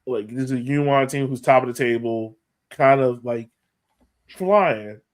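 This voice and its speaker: Speaking at an ordinary pace in a mid-range voice, an American man hosts a relaxed soccer podcast, as energetic and exclamatory as a devoted fan.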